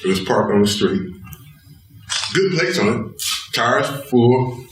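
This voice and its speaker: A man's voice: mid-range voice, lively intonation, slow. A middle-aged father telling an emotional story in an interview, talking in slang-heavy vernacular and asking "you know what I'm saying" again and again. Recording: echoey room, distant mic.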